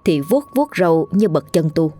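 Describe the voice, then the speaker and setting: A woman narrating a ghost story in a lively, dramatic way. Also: low-pitched, moderate pace, faint music behind.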